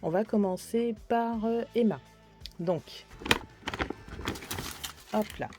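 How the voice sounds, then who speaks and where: A woman's voice: mid-range voice, slow pace, over music. A woman chatting casually through a shopping haul video, hesitant with many fillers, apologising for her English pronunciation. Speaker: vlogger.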